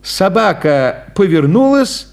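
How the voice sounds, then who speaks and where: Male storyteller, high and expressive, unhurried delivery. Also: vocal fry. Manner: unhurried, lively reading with acted dialogue. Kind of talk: storytelling, reading a classic tale aloud.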